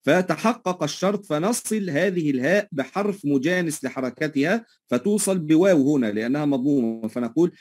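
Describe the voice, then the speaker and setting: Egyptian male tajweed teacher, a little high and husky, asks questions and answers them himself, checks in often. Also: animated, fairly quick, few pauses, a little mellow. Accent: Egyptian Arabic. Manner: checks understanding often with short tag questions. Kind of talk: tajweed lesson.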